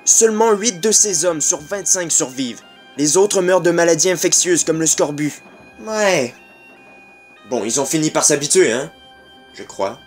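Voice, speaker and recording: Québécois guy doing a sarcastic history bit, kinda high voice, music low behind. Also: moderate pace. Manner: wry, sarcastic asides. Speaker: video host. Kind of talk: comic history narration.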